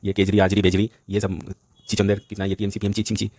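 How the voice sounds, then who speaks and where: Speaking Hindi quickly in a lowish, monotone, slightly mellow voice, a male vlogger from West Bengal, India, delivers an agitated political rant. He repeats himself and keeps returning to "bhai sahab," with no room sound in the recording.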